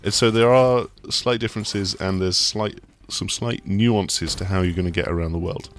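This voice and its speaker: A man explaining a video game in a relaxed, rambling co-host chat, full of fillers and restarts. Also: sits low, normal speed. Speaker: games journalist co-host. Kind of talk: casual gaming discussion.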